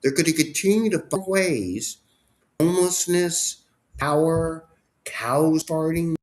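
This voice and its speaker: A male talk show host ranting sarcastically about politics in an animated, mocking way. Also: fairly high pitch, measured pace.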